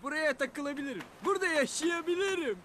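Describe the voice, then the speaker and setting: A man voicing a chatty, upbeat male zebra in a cartoon dub, quick and easygoing. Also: very high voice, noisy background. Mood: joking. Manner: fast, pleading, easygoing banter. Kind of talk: cartoon dubbing.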